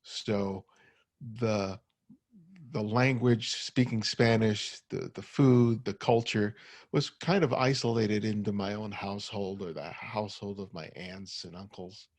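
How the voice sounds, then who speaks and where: Speaking a little slowly in a lowish, darkish voice, this middle-aged man from the United States has a slight stutter and frequently repeats words. He is a guest photographer giving a personal talk at an online forum via video call. The recording is dry.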